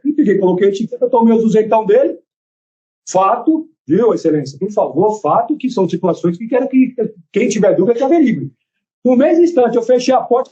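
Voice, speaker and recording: A man's voice: high-pitched, warm tone, dull audio. A man testifying in a courtroom, telling his story in a rambling way and acting out the dialogue he quotes. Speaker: testifying in a jury trial.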